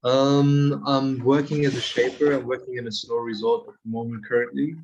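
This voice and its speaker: A man in his twenties talking casually on a video call, hesitant and flat. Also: mid-range voice, normal speed, slight background noise. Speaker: permaculture project partner. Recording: dull, muffled video call audio.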